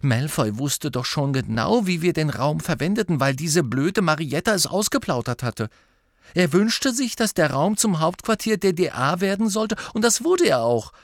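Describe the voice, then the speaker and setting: A clever, earnest teenage girl, put on by a male audiobook reader, explaining patiently. The voice is raised and lively in its melody. Close, dry recording. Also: on the high side, normal speed, dry recording, pitched above the performer's own voice. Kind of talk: audiobook character voice.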